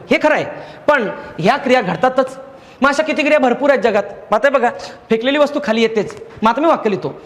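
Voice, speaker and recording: High-pitched male teacher, patient and repetitive explainer, lecture delivery. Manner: explains patiently, repeats each point. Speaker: English grammar teacher. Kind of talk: classroom lecture.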